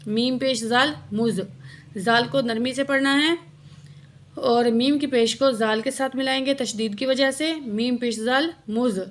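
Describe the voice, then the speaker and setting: A woman teaching Quran recitation word by word, explaining each letter patiently and reciting slowly. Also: high voice, steady tone. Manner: slow drawn-out recitation of verses. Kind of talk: word-by-word tajweed lesson with slow recitation.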